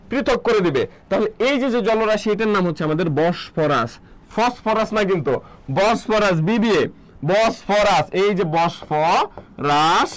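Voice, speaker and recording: A man's voice: high voice, rough recording. A man teaching a live online geography class for admission exams. He asks questions and answers them himself, repeats key terms, and reads out viewer comments.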